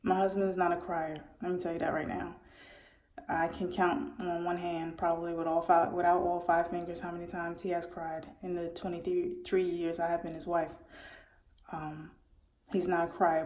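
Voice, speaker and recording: A woman in her forties earnestly recounting a personal story, often halting and restarting her words. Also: on the low side, flat delivery, a little mellow. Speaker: mother telling her birth story. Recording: roomy echo.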